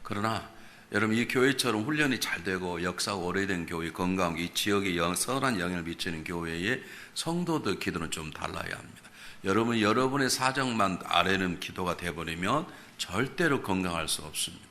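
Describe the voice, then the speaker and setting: Gravelly, bright-voiced male pastor preaching. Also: deep voice, expressive, fairly quick, a little hiss or hum. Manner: emphatic, acts out conversations with congregants; direct address to congregation, rhetorical questions. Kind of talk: revival sermon. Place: church revival meeting.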